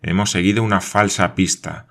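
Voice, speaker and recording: A man reading aloud voices an excitable male scholar in a storybook, exclaiming and explaining with animation. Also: sits low, moderate pace, gravelly. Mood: excited.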